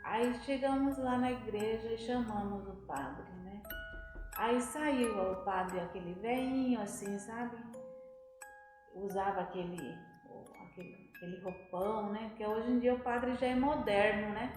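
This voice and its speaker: A woman's voice: mid-range voice, a little slow. A woman telling a ghost story in a folksy way, tagging her sentences with "né?". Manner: folksy, frequent "né?" tags. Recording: very echoey room, faint music.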